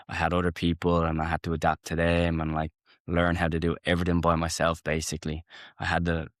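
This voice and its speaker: A young Irish man speaks in a very low voice that barely moves in pitch. He rambles casually, full of fillers and restarts. The sound is dry and close. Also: smooth, dry recording. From Ireland. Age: young adult. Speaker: guest, rugby player. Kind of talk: casual interview talk.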